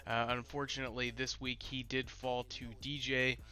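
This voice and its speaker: Faint music plays behind an esports league host doing solo rankings commentary at a moderate pace. His medium-pitched voice stays level yet pushed and bright. A lingering cold leaves him nasal and congested, like he's holding his nose.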